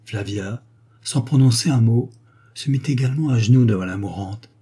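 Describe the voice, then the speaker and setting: A man reading a nineteenth-century novel aloud as an audiobook narrator, in a measured, expressive way. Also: medium pitch, husky. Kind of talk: scripted literary narration.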